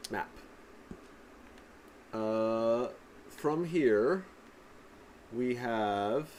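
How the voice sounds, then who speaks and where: A man's voice: mid-range voice, darkish tone, a little hiss or hum. A man giving casual gameplay commentary as host. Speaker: gamer host.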